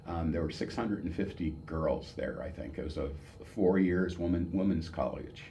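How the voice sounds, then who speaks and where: An elderly American man in his seventies, an old veteran remembering his service days, telling stories off the cuff in a halting, reminiscing way with pauses and repeated words. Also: deep voice, mellow, slight background noise. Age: 70s. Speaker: military veteran giving an oral history. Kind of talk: old veteran remembering, unscripted personal storytelling.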